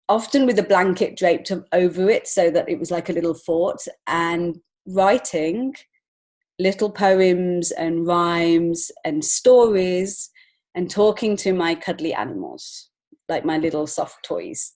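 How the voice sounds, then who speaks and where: Her voice lowish and rather dark, an English-accented woman in her forties speaks slowly as a guest on a podcast. A children's author and illustrator, she recounts her own story earnestly and thoughtfully.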